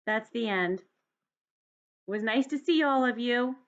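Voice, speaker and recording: In a fairly high voice, a woman reads a children's storybook aloud expressively and deliberately, much like a teacher speaking to young students. The sound is lo-fi.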